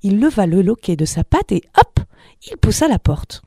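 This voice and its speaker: A woman reading a fairy tale aloud in a gentle storytelling manner. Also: mid-range voice, sing-song, moderate pace, breathy edge, no echo, studio quality.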